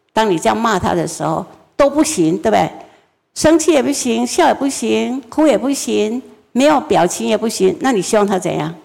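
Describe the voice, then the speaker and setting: Gravelly older woman teaching. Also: medium pitch, big-room sound. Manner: lively, acts out family scenes. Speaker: guest teacher.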